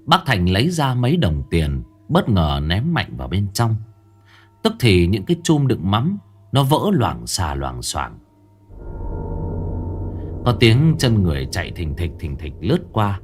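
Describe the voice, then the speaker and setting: A man's voice: lowish voice, wildly swooping pitch, measured pace, a little mellow, soft background music. A man narrating a horror story in a dramatic, storytelling manner. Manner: dramatic storytelling, shifting inflection.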